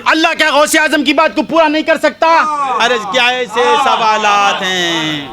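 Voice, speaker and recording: A man who is a Sufi spiritual guide, giving a sermon at a devotional gathering with animated storytelling. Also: very high voice, a crowd in the background. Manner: animated storytelling with acted dialogue.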